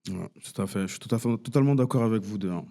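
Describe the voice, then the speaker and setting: Low-voiced male debate host. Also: very fast, mellow. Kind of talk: moderating a political debate.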